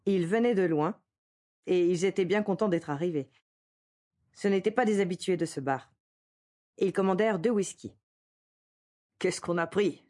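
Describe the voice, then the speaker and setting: A woman narrating a literary story in a calm, measured manner. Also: lowish voice.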